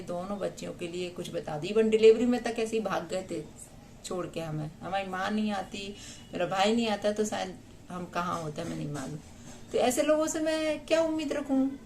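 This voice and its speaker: A woman's voice: medium pitch, slight background noise. Indignant Indian woman vlogger. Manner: indignant, emphatic, with many rhetorical tag questions. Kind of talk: personal vlog monologue.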